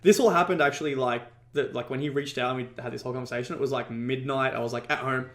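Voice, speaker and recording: A man's voice: medium pitch, fairly even intonation, fast talker, a bit bright. Brief: male guest, casual and rambling, curses freely, roomy echoey recording. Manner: rambling, heavy "like" fillers, frequent swearing. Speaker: podcast guest, ecommerce entrepreneur. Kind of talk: casual storytelling interview.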